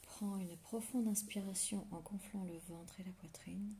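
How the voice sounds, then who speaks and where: A woman leads a guided relaxation meditation in a soft, intimate whisper right in your ear, giving slow, soothing instructions with long pauses. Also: medium pitch, steady tone, a little hiss or hum.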